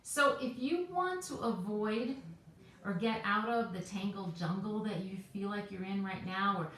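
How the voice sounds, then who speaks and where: A woman's voice: medium pitch, a little slow, a bit bright, a little hiss or hum. A woman hosting a weekly devotional video, telling a story in a casual, chatty way with frequent "right?" asides. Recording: very echoey room.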